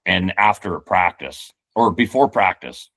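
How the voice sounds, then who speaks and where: Iowa man, 40, deep-voiced podcast guest, blunt and jokey. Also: lively intonation, unhurried, a bit bright. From Iowa, United States. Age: 40s. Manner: joking, blunt, swears casually. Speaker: guest hunter. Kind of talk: casual podcast chat.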